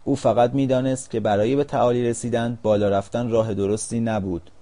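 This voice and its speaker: A man narrating a storybook in a calm, measured reading voice. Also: medium pitch.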